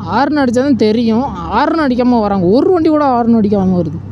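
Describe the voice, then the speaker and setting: A man's voice: very high voice, expressive, a little fast, dull audio, a little hiss or hum. A man with a Tamil accent, chatting casually to his viewers as a travel vlogger while out on a hill road. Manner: chatty, addresses viewers politely. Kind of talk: casual ride commentary.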